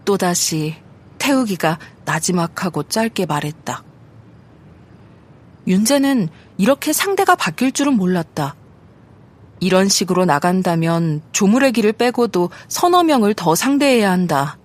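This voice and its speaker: A woman narrates an audiobook story with steady, measured storytelling. Her voice sits at a mid pitch for a woman. She reads the scripted narration evenly.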